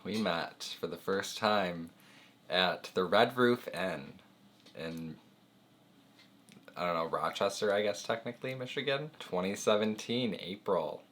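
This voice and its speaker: A man's voice: low voice, measured pace, fairly bright tone. A young man chatting casually as a guest on his girlfriend's vlog, laid-back and mumbly, laughing often. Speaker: boyfriend guest. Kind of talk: casual chat.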